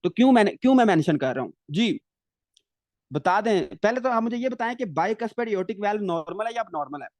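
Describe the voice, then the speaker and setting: High-voiced man drilling students in a lecture. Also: lively intonation, a little mellow, no echo. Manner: repeats questions and answers them himself, drilling students; stretches key English terms slowly. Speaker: medical lecturer. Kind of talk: live online lecture with question-and-answer drilling.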